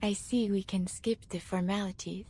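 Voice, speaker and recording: Woman doing a mellow, refined madame. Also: mid-range voice, steady tone, a little hiss or hum, close to an everyday voice. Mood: smooth composure. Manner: measured, formal, polite. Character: refined, composed, outwardly gentle powerful madame.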